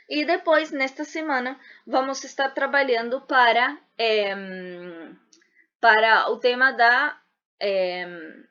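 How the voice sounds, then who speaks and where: A woman teacher giving an online grammar lesson, talking slowly and deliberately and spelling out word endings. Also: a little high, a bit bright. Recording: dull lo-fi video audio.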